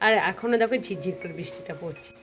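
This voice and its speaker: A vlogger with a Bengali accent chats casually to viewers in a daily vlog shot on a phone, first outdoors by fields and then at home, talking to her audience and coaxing her child. Her voice is fairly low and fairly bright, with lively intonation and fast speech. Soft music plays in the background.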